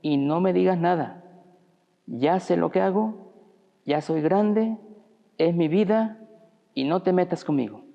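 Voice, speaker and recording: A priest acting out a defiant, slightly drunk teenage son, shouting back in a sermon story. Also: male voice, sits high, a little slow, vocal fry, pauses often, in a large hall, dull audio, pitched above the performer's own voice.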